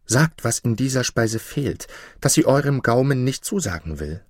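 A man's voice: medium pitch, very animated, normal speed, no echo, clean studio sound, pitched above the performer's own voice. A man voicing a timid young dwarf cook in a fairy tale, speaking in a trembling, pleading way. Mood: anxious.

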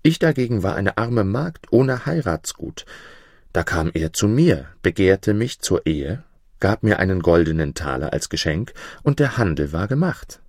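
A man voicing a poor, feisty peasant mother, speaking higher, louder and indignant. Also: very animated, unhurried, no echo, clean studio sound, full character voice. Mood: complaining.

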